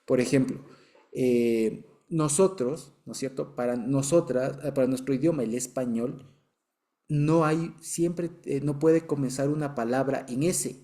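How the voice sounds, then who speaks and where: His voice is mid-range and mellow, and he talks a little slowly. With an Ecuadorian Spanish accent, the man guides a Bible study, explaining patiently, checking for understanding, and chuckling from time to time.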